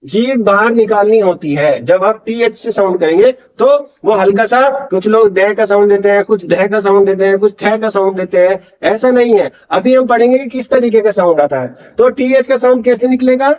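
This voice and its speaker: A man teaching English pronunciation in a classroom-style lesson, drilling words by slow repetition and answering his own questions. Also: high voice, a little mellow. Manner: asks questions and answers them himself.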